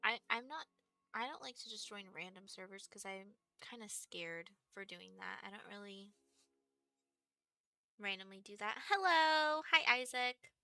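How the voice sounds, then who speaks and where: She's in her twenties, from Texas, and livestreaming in a loose, chatty way that leans heavily on fillers like "like" and "um." Her mid-range voice is gravelly, pushed and bright, with lively intonation and an unhurried pace. The recording has no room sound.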